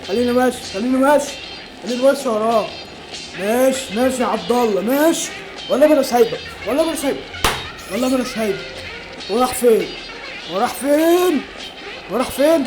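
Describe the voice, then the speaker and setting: A woman's voice: on the high side, rapid-fire, natural voice, rough recording. A woman voicing a strict, angry father who scolds his son, with music behind. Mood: determined. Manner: stern, scolding.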